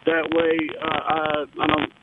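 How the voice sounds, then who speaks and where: A man calling a radio show over the phone, talking in a halting way with many fillers and restarts. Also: fairly high pitch, monotone. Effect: phone line call-in. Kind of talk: casual call-in chat. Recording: tinny noisy phone line.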